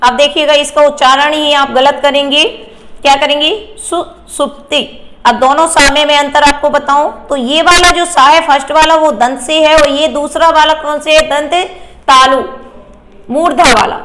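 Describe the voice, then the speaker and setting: A woman teacher giving a Hindi grammar lesson, explaining slowly and asking and answering her own questions. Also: high voice, steady tone, a bit bright.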